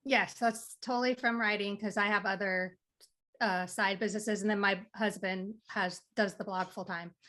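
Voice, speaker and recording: Woman, 30s, from the Midwest, interview guest, bright tone, relaxed, matter-of-fact. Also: medium pitch, moderate pace. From Midwest United States. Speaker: freelance writer, interview guest. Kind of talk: casual interview.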